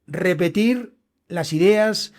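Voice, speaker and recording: A man's voice: sits high, slow pace, a little mellow. Chatty man teaching by podcast. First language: Spanish. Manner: chatty, repetitive, emphatic with frequent "¿vale?". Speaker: podcast host and Spanish teacher. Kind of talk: casual solo podcast lesson.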